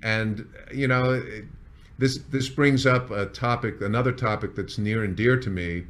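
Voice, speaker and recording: A man speaking as a chief executive and founder, recounting company history in measured executive storytelling, as if addressing staff. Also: on the low side, a bit bright.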